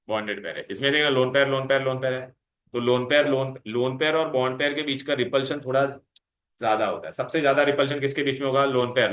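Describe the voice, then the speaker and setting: Coaxing chemistry teacher, echoey room. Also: male voice, medium pitch, a bit bright. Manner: coaxing, calls students "beta", quizzes them constantly. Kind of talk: revision lecture to students.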